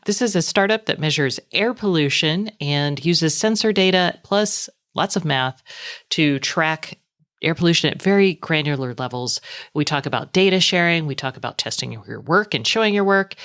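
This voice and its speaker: A woman's voice: low-pitched, a bit bright. A woman hosting a tech podcast, chatting casually and introducing guests and sponsors. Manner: chatty, self-deprecating, conversational. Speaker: podcast host. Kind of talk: casual chat and show hosting.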